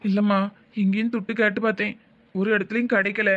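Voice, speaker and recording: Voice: mid-range voice, flat delivery, fast talker, muffled recording, lightly acted. A voice actor playing a grown son, a defensive, work-shy drinker in a cartoon drama. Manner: sulky, defensive retorts.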